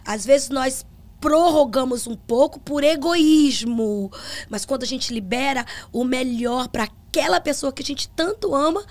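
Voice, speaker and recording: A middle-aged woman speaks in a high-pitched, darkish voice, a little slowly. A gospel singer and pastor, she relates her personal testimony on a podcast with earnest storytelling and acts out the dialogue.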